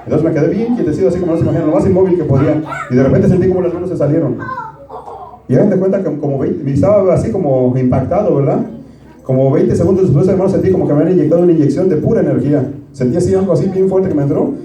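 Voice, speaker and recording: Man, pastor, conversational sermon, slightly high voice, echoey distant recording. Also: racing, warm tone, slight background noise. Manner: conversational preaching, repeatedly addressing listeners as brothers. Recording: roomy, distant from the mic.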